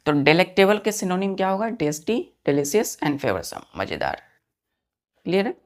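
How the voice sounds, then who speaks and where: A woman's voice: lowish voice, sing-song, normal speed. A woman teacher giving a vocabulary lesson, spelling words out letter by letter and asking questions of her students.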